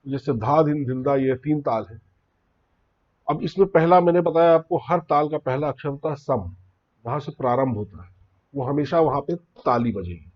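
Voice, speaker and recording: A man's voice: on the high side, moderate pace, muffled recording. A man teaching a beginners' tabla lesson, explaining rhythm patiently and reciting drum syllables one by one. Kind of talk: spoken music lesson.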